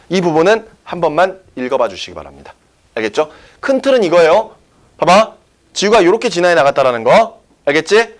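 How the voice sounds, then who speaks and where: A man teaching a science class, explaining step by step and often checking whether the students follow. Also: a little high. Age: young adult. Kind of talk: classroom lecture.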